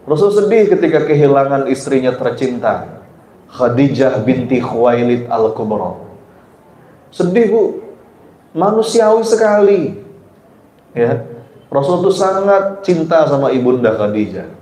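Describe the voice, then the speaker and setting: Male preacher, conversational sermon, keeps asking the women listening questions, mellow tone, roomy hall. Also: mid-range voice, sing-song. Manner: often turns to the women listening and asks them questions; soft and slow in reflective passages. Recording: roomy hall with faint ambience.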